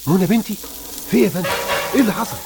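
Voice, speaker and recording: A man's voice: sits high, racing, gravelly. An Egyptian actor playing a distraught father and engineer, given to agitated, pleading outbursts. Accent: Egyptian Arabic. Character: distraught middle-aged father. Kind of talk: film drama acting.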